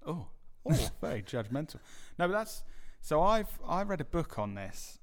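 A man co-hosting a podcast, telling stories with animated, laughing delivery. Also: on the high side, moderate pace. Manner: animated storyteller, laughs through anecdotes. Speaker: podcast co-host. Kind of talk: casual chat.

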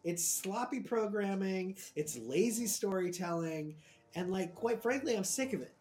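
Podcast co-host, woman, mid-pitched voice, swears freely and rants in improvised bits, faint music underneath. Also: expressive, unhurried, a little mellow. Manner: profane, ranting, breaks into laughter. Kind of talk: improvised comedy rant.

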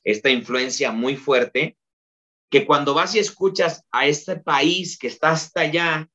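Mexican man, podcast guest, animated storyteller, slightly dull lo-fi sound. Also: fairly high pitch, a little slow. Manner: lively storyteller, many fillers like "este". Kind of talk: casual interview chat.

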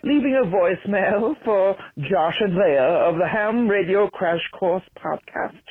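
A man's voice: high voice, unhurried. A man leaving a rambling, chatty voice message that is played back from a phone voicemail, with many ums and uhs. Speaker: listener leaving a voicemail for the podcast. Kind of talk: casual voice message. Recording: tinny phone-line voicemail.

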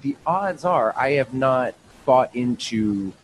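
A man's voice: medium pitch, expressive, slow pace. A man who hosts the interview and works as an on-camera acting coach, asking long, thoughtful questions. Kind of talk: interview conversation. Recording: noisy background ambience.

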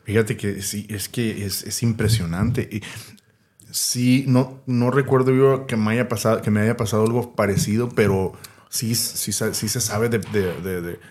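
A man talks through his thoughts in a relaxed podcast conversation. His voice sits somewhat low. He hesitates and searches for the right words as he speaks. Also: measured pace, slightly rough. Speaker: podcast co-host. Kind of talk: casual conversation.

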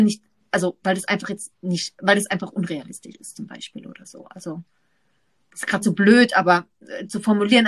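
A young woman co-hosting a podcast gropes for her words as she asks questions. Her voice sits at a middle pitch, and the recording is dry with no room echo. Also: a bit bright. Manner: hesitant, many fillers while forming questions. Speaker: podcast co-host. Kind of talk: casual podcast chat.

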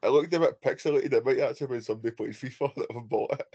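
Co-host, wisecracks, mid pitch; dry, slightly dull sound. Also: male voice, racing, warm tone, breathy edge, no echo. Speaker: podcast co-host. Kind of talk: casual podcast chat.

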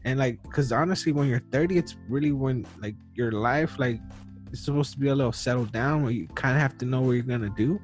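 With soft music in the background, a male podcast host in his early thirties talks at a quick pace in a mid-range voice. The conversation is casual and meandering, peppered with fillers and restarts.

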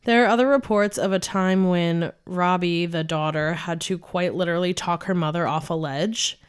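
A young woman from New York state hosting a casual true-crime podcast, chatty and quick to laugh as she tells the story. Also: on the low side, clear, resonant tone. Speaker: podcast host narrating the case.

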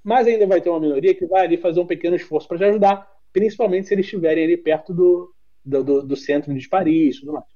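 This Brazilian man has a high voice, a quick pace and dull-sounding audio. He's a podcast guest in casual chat, telling stories animatedly, speaking bluntly and swearing freely in a Brazilian Portuguese accent.

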